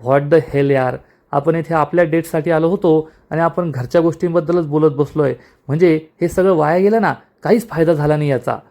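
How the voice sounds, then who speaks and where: A playful young husband in a TV serial recap, chatty and reassuring, lightly raised in pitch. A man reads his lines. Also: normal speed, darkish tone, natural voice. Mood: bantering. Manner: bantering, chatty.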